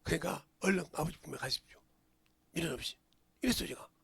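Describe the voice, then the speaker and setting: A middle-aged male pastor preaching a sermon in a church, dropping to whispers and bursting into shouts. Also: on the high side, fast talker, gravelly, slightly rough. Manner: swings from hushed whispers to sudden shouts. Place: church sanctuary.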